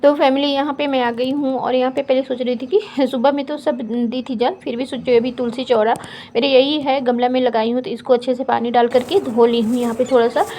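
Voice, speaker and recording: Woman, vlogger, casual voice-over, fast and chatty, slightly raised pitch, faint background hiss. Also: little pitch movement, mellow. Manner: fast-talking, chatty, with frequent fillers.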